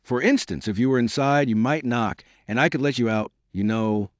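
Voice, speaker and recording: A man's voice: medium pitch, normal speed, no echo, close to an everyday voice. Storybook frog footman, solemn and indifferent; a male narrator reads him. Dull lo-fi sound. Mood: deadpan. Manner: flat, solemn and matter-of-fact.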